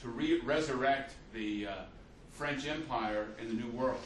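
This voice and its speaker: In an echoey room recorded from a distant microphone, a man lectures on history as a teacher, unscripted and story-like, with frequent fillers and restarts. His pitch is medium and his delivery a little slow. Slight background noise is present.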